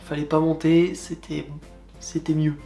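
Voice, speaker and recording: A man's voice: a little high, little pitch movement, a little slow, warm tone. A man casually recounting an outing in a vlog. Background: music.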